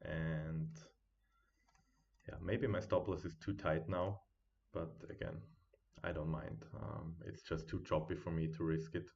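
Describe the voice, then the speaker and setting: A man at home giving live trading commentary, thinking aloud as he watches the charts and chats with his viewers, on a quiet built-in computer mic. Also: very deep voice, little pitch movement, a little slow, vocal fry, muffled recording. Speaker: day trading streamer.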